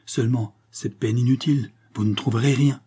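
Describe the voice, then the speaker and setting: A man voicing a troubled village molder who stammers and speaks in a hushed, uneasy way. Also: mid-range voice, steady tone, fairly quick, slightly rough.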